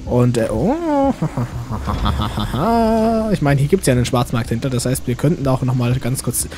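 A let's play host with a medium-pitched voice talks fast in casual game commentary, rambling to himself and to the game's characters. Game music and background noise sit behind him.

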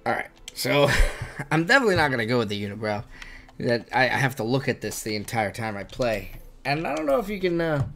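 A man's voice: medium pitch, sing-song, brisk, creaky, a bit bright. A man giving casual live-stream commentary while playing a game, swearing freely. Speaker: gaming streamer.

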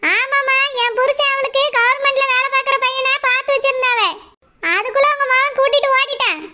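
In a heavily acted performance, a middle-aged woman with a Kanyakumari Tamil accent portrays a proud village mother whose daughter has run off, sternly warning others and firing back indignantly to defend her. Her very high-pitched voice holds a steady tone, a little fast, pushed and bright, with slight hiss or hum.

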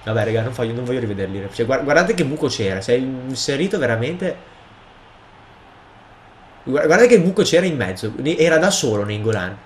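A young man with a cold and sore throat, casually commenting on his own football video game match and bursting into shouts at goals. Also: medium pitch, expressive, brisk, a little hiss or hum. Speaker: gaming video host.

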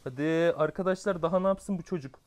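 A young man giving casual commentary over his own mobile gameplay, excitable, going from muttered grumbling to shouted outbursts. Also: on the high side, fast talker. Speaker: gamer playing a mobile game.

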